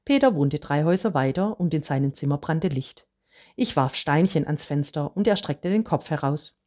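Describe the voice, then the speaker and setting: A woman reading a first-person storybook aloud with calm, measured narration. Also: sits low.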